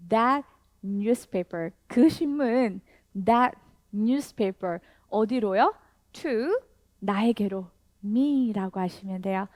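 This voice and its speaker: A woman teaching an English lesson, coaxing learners to repeat slow, drilled phrases step by step. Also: mid-range voice, no echo.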